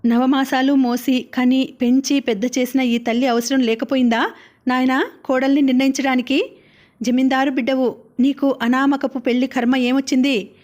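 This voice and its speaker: A woman's voice: sits high, flat delivery, moderate pace, darkish tone, close to an everyday voice. A woman reading the lines of a stern, grieving aristocratic mother who scolds and wails at her son. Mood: bitter grief. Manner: scolding, wailing.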